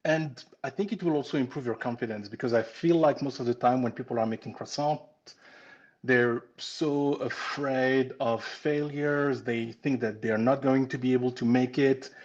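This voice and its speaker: French guy in his 40s hosting a pastry webinar, chatty, lots of ums, average pitch, kinda muffled stream sound. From France. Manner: chatty, warm-hearted, with frequent restarts and "um"s. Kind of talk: casual live-stream teaching. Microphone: computer mic on a live stream.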